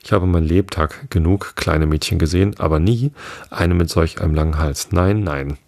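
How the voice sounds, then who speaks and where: A man reading the part of a suspicious, complaining mother pigeon in a storybook, in his own low husky voice. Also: moderate pace, a little mellow, no echo. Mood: scolding. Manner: scolding, complaining, contemptuous. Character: shrill, suspicious female pigeon guarding her eggs. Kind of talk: audiobook reading of a classic tale.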